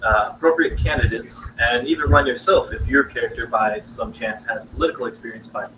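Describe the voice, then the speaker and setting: A young man casually pitching his game in a live presentation, halting and full of fillers. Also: steady tone. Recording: distant mic in noisy room.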